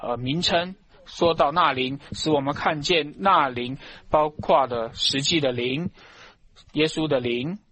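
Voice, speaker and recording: A man delivers a sermon with slow, deliberate pacing. His voice sits a little higher than most men's. He presses each phrase with fervent emphasis, building into loud exclamations of praise. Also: slightly rough, no echo. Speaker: preacher.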